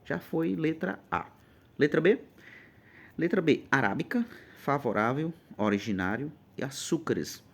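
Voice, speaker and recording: A man with a Brazilian Portuguese accent teaching an exam-prep grammar lesson in a lively, emphatic way, checking in often with his students. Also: a little high, a little slow, vocal fry.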